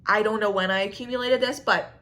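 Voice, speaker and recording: A woman's voice: medium pitch, fairly even intonation, quick pace, pushed and bright. A pregnant young woman talking casually and frankly to camera, rambling with lots of fillers as she reviews used-up makeup. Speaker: beauty vlogger. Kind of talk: casual chatty product review.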